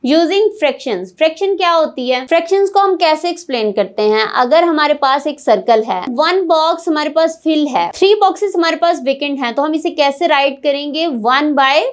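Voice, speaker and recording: A woman teaching an IELTS writing lesson. She reads English word lists slowly and deliberately, and she asks her students questions and then answers them herself. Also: sits high. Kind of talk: explanatory lesson mixing Hindi and English.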